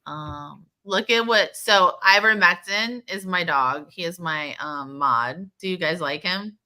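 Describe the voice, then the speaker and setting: A woman's voice: fairly low pitch, a little slow, pushed and bright. A woman from Florida co-hosting a podcast, swearing and teasing her friends as she rambles through stories. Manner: crude, teasing, rambling storyteller. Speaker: podcast co-host. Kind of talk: casual banter.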